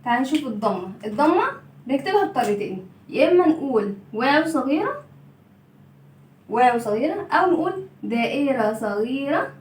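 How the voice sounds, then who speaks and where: Egyptian woman, children's reading teacher; high voice, drawn-out letter sounds, echoey room, a little off mic. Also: sing-song, darkish tone, far from the mic. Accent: Egyptian Arabic. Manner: patient, drawn-out sounding of letters with call-and-response questions. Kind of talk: children's lesson.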